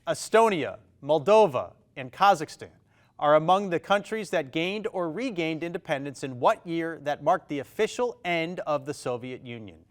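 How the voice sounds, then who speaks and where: Hosting a quiz show in a television studio, a man with a Maine accent reads questions on air in an expressive way. His slightly high voice keeps a brisk, upbeat tempo, and he offers quick reactions after each answer.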